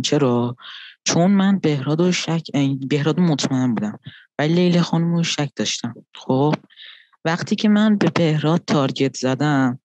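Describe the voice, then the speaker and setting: A man playing an online party game, arguing his defense in an animated way. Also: no echo, low-quality recording. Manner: animated, rising pitch when arguing. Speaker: game player.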